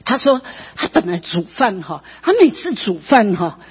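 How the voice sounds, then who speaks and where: A woman preacher telling a testimony in an animated, emphatic way, often adding tag particles. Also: medium pitch, normal speed, husky. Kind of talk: emotional sermon testimony. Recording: dull recording with long reverb in a hall.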